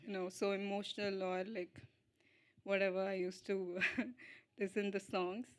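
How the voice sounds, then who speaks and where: A young woman speaking at an event on stage into a mic, switching between Telugu and English, halting with fillers and little giggles, slow and heartfelt. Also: medium pitch, little pitch movement, clean tone. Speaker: lead actress giving a speech. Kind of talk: emotional stage speech at a film event.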